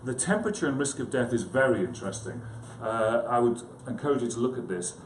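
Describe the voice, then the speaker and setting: A male conference speaker who is a psychiatrist talks fast in an animated, mid-range voice. His informal talk is hesitant and self-effacing, peppered with chatty remarks to listeners. The indoor conference room echoes, and the background is clearly noisy.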